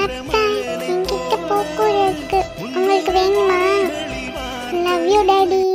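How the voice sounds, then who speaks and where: A woman's voice: very high voice, slow pace, faint music behind. A woman voicing a tender, affectionate young daughter in a cartoon, talking in a pleading way. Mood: playful. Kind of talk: cartoon voice acting.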